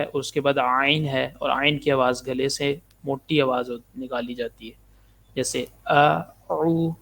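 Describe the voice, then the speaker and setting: A man teaching Quranic pronunciation, explaining quickly and then reciting each phrase very slowly and deliberately. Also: medium pitch, fairly bright tone. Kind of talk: pronunciation lesson with slow recitation.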